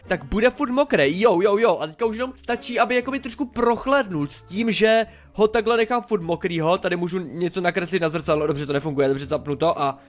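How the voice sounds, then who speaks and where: Excitable young man narrating gameplay. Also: high voice. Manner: excitable, chatty, exclaims and swears mildly. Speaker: gaming YouTuber. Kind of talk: casual game commentary.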